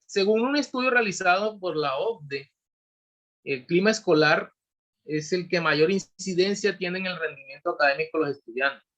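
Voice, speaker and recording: A man's voice: high-pitched, moderate pace, a bit bright. A man giving a scripted explanatory presentation. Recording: dull lo-fi audio.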